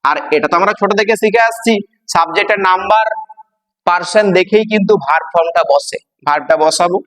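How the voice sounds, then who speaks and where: A man teaching English grammar, slowly spelling words out letter by letter and stressing each step. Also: high-pitched, fairly bright tone, in a large hall, poor audio. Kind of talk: classroom-style grammar lesson.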